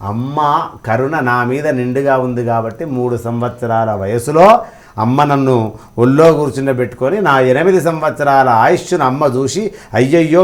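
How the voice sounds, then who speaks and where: A man telling devotional stories in conversation, emphatic, with rhetorical questions and acted-out quotes. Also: medium pitch. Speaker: religious scholar guest.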